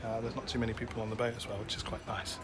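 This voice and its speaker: A man chatting casually as he films a travel vlog outdoors, relaxed and quick to laugh. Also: on the low side, a crowd in the background. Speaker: travel vlogger. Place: outdoors at sightseeing spots. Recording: loud outdoor wind and traffic noise.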